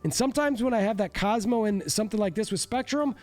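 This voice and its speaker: Soft music plays behind a male card game content creator whose high, expressive voice has a slightly mellow quality and a quick pace. Congested with a cold, he sounds stuffy as he casually picks apart decks, poking a bit of fun at himself along the way.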